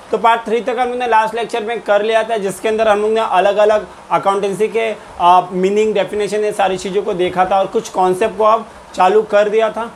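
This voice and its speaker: High-voiced teacher explaining accounts. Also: male voice, a little hiss or hum. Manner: explains in Hindi mixed with English terms, repeats and quizzes. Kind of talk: recorded lecture.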